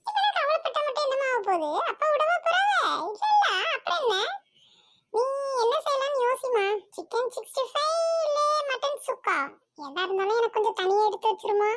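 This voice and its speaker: A woman voicing a carefree, greedy young son in a cartoon, loud and cheeky. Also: extremely high pitch, steady tone, a little fast.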